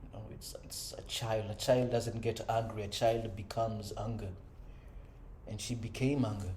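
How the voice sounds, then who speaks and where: Man, 30s, earnest reflective monologue; mellow tone, echoey room with faint background hum. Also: lowish voice, fairly even intonation, moderate pace. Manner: earnest, conversational, frequent "you know" and "right?". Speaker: self-improvement vlogger.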